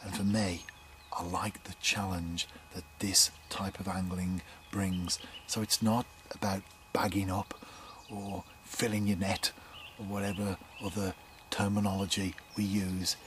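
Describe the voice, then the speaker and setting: A man's voice: low-pitched, flat delivery, measured pace, few pauses, a bit bright, a little hiss or hum. A man in his forties vlogging from a canal bank at dawn, speaking into a close camera mic in a chatty, upbeat way that often drops to a near whisper. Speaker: angler vlogger. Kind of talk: casual outdoor vlog commentary. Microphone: camera mic at close range.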